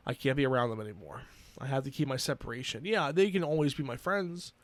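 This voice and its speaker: Earnest young man, halting and emotional. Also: mid-range voice, dry recording. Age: 20s. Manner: earnest, halting, with many restarts and "you know". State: emotional, near tears. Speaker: podcast host. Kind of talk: personal solo podcast talk.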